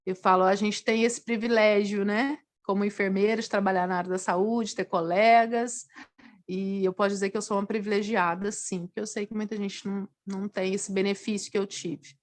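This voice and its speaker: A woman with a Brazilian Portuguese accent, a nurse guest earnestly telling her personal story in a TV interview, her voice rising with feeling. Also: moderate pace. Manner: earnest, expressive, pitch swinging up with feeling. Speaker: nurse, talk show guest.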